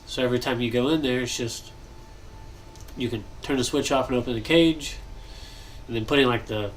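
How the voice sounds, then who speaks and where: Congested and nasal, a young male gamer host speaks fairly quickly at a middle pitch, loosely thinking aloud as he builds in a game and chats casually. Frequent coughs and throat clearing break up his rambling, and a light hiss sits in the background.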